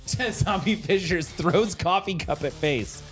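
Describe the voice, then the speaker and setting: A woman's voice: on the low side, slow pace, faint music behind. A woman hosting a pinball live stream, chatting casually, laughing often and reading viewer comments aloud.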